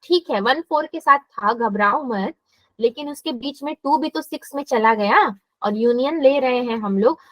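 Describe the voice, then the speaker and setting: A woman's voice: high-pitched, moderate pace, fairly bright tone, no echo, low-quality recording. A woman math teacher giving a live classroom lesson, explaining step by step and asking her students questions.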